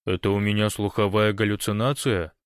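A calm, easygoing big man with a low voice, played by a male audiobook reader in his own register. The sound is close and dry. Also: fairly quick, smooth, dry recording, natural voice. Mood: cautious.

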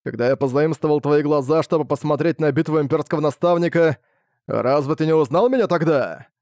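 A man reading an audiobook, voicing a menacing male demonic spirit that speaks inside a hero's head with scornful, booming threats. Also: a little fast, darkish tone, no echo, studio quality, close to an everyday voice. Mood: mocking.

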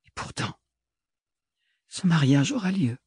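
A man reading aloud, voicing a reserved young woman who speaks quietly and flatly in a storybook. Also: high-pitched, a little slow, vocal fry, breathy edge, no echo, clean studio sound, pitched above the performer's own voice, exaggerated voice. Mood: firm. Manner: quiet, flat, composed. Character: calm, reserved young woman, soft-spoken.

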